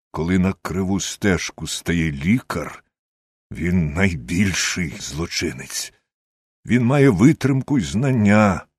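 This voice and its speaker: A man voicing calm, lecturing Sherlock Holmes. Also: sits low, no room sound, studio quality, full character voice. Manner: measured, lecturing, deductive. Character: Sherlock Holmes, shrewd calm male detective. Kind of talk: audiobook character reading.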